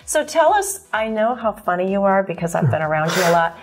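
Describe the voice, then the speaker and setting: A woman's voice: medium pitch, big pitch swings, fairly quick. A woman hosting an interview, asking questions and affirming her guest in a supportive conversational way. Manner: encouraging, affirming listener. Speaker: interview host.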